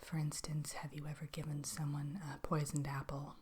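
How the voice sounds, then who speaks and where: A woman in a whispered role-play, playing a chatty, polite fairy tale interviewer with a hesitant, conversational, softly questioning manner. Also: low voice, flat delivery, moderate pace, slight background noise. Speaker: ASMR role-play performer.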